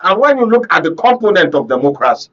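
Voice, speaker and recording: Speaking fast in a high, sing-song voice with a slightly bright edge, this man with a Nigerian accent offers emphatic, rhetorical political views on a talk show. He's a conflict reporter appearing as a panel guest in a radio and TV studio, often making sure his audience is following, and the audio is muffled.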